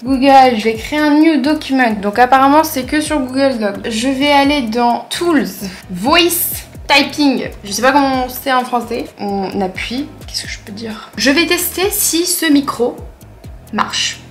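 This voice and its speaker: A young woman vlogs from home, later moving to a bathroom, testing tips and making self-mocking comments as she tries things. Her high-sitting voice is animated and a little slow, in a roomy space with faint music.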